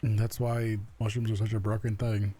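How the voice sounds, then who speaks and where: A man chatting casually as a fellow player in a survival game, explaining things in a relaxed way with filler words. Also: on the low side, moderate pace. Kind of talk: casual gaming chat.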